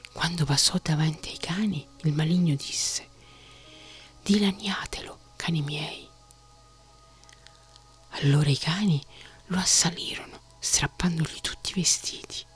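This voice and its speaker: A storyteller reading a fairy tale as a soft, steady, whispered bedtime story. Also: medium pitch.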